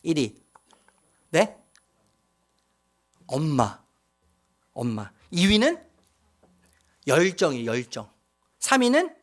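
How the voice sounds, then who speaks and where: A male pastor preaches a Sunday sermon with a very expressive, animated pitch that rises and falls widely. He speaks straight to the congregation, asks them questions and repeats key words for emphasis.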